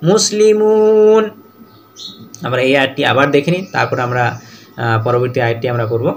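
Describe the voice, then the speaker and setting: A man teaching Quran reading step by step, spelling out each letter and vowel mark, then reciting the verses slowly and drawn out. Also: mid-range voice, flat delivery, a bit bright, slight background noise.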